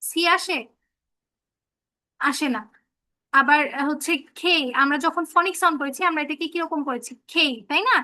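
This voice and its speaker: High bright-voiced woman teaching phonics. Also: no echo. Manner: patient, repeats example words slowly and checks understanding. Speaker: English teacher. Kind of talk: online phonics class for children.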